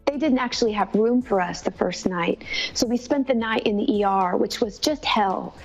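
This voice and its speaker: A woman's voice: mid-range voice, moderate pace, soft background music. A woman telling a personal story of faith in an earnest, conversational way. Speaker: mother telling her daughter's illness story. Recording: slightly dull, lo-fi sound.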